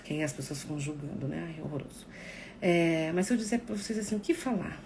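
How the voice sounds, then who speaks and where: A woman psychologist talks straight to her live-stream viewers, acting out the remarks people make. Her voice carries a gravelly creak, and faint noise hums behind her. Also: sits low, fast. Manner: expressive, acts out quoted remarks.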